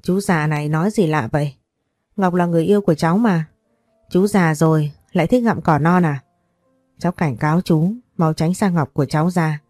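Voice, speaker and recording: A woman voicing a brash young man who talks quickly and teases an older rival. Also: low-pitched, a little mellow, no room sound, soft background music. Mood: cocky.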